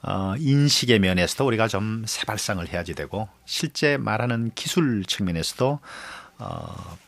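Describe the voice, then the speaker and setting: Measured male speech expert. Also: fairly low pitch, very animated, creaky, a bit bright, no room sound. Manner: measured, many fillers, lecturing. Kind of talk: explanatory talk on radio.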